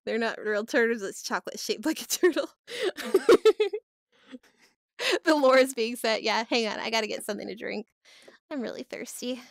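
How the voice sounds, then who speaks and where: A woman's voice: on the high side, expressive, moderate pace, vocal fry, long pauses, no room sound, studio quality. Playful woman streamer with dramatic outbursts. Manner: playful, with mock-dramatic outbursts and frequent laughter. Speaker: livestream host. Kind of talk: casual live-stream chat. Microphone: VR headset.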